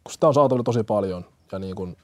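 Young male paramedic from Kenya, earnest and halting, low-pitched, dry studio sound. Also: dry recording. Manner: earnest, hesitant, many fillers and restarts. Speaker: firefighter-paramedic. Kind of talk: interview answers.

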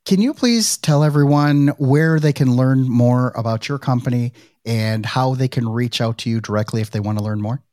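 A man's voice: mid-range voice, moderate pace, warm tone, no echo, clean studio sound. Casual middle-aged male podcast host. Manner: casual, many fillers like "you know" and "right". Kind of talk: conversational interview.

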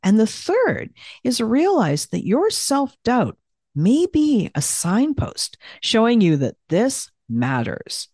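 A woman hosting a solo podcast, giving encouraging advice in a soothing way with slow, emphatic pauses. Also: a little high, wildly swooping pitch, darkish tone, no room sound, studio quality. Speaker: podcast host and coach.

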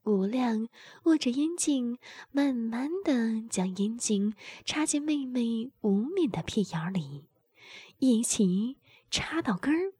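A woman narrating an adult audio story in a slow, unvoiced whisper, as whispered role-play. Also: fairly high pitch, expressive, mellow, husky, dry recording, clean studio sound.

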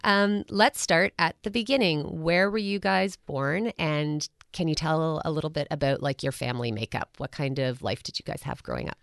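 Woman, podcast host, low voice, enthusiastic, effusive. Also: normal speed, gravelly, hardly any pauses, smooth, no room sound, studio quality. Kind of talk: upbeat podcast interview.

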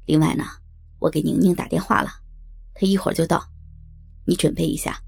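Brief: low, gravelly boss man, clipped and businesslike, as a woman narrator plays him. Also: steady tone, brisk, darkish tone, faint music behind, exaggerated voice. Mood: commanding. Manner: curt, giving orders. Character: brisk commanding male boss.

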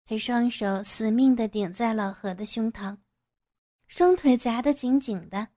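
A woman reading an audio story aloud with steady, even storytelling narration. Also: fairly high pitch, unhurried.

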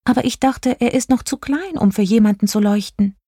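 A woman voicing a caring young female star fairy in a children's story, with a high, emotional manner. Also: a little fast, dark tone, breathy edge, dry recording, studio quality. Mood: worried. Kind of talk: audiobook character voice.

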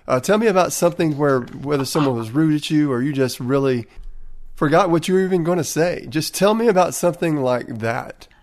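A man's voice: a little high, a little fast. A man with a Southern accent from Tennessee, hosting a sales podcast and interviewing a guest. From Tennessee, USA. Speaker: podcast host.

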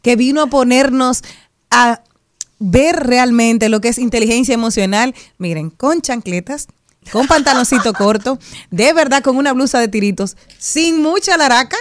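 A woman co-hosting a lively studio chat, playfully reading listener messages aloud. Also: on the high side, moderate pace, no room sound. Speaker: co-host.

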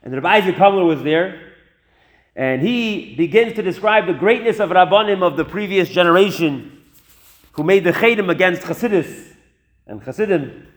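A man teaching through a story, animated, with chatty asides and frequent repeated words. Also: high voice, normal speed. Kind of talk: storytelling lesson.

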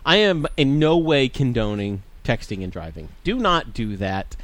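A man's voice: medium pitch, big pitch swings, moderate pace, fairly bright tone, no room sound. A man chatting casually as a podcast host, his speech slightly slurred by a swollen tongue. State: swollen tongue, as after the dentist. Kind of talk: casual chat.

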